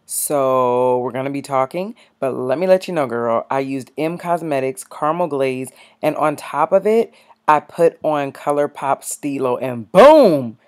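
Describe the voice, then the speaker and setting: A woman's voice: very deep voice, a little slow. A young adult woman chatting casually into a handheld mic as a beauty vlogger, playful and sing-song, joking and breaking into little rhymes. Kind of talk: casual chat.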